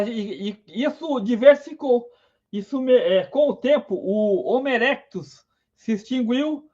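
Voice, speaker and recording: A man hosting a casual live science stream, enthusiastic, greeting viewers by name. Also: extremely high pitch. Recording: dull lo-fi stream audio.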